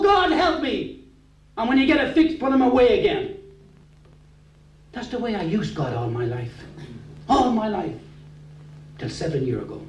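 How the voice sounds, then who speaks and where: A man's voice: very high-pitched, lo-fi sound, slight background noise. A middle-aged Irish Traveller man with an Irish Traveller accent, giving a fervent, storytelling gospel testimony at a meeting. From Ireland. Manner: fervent, storytelling, nonstandard grammar. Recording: echoey room, distant mic.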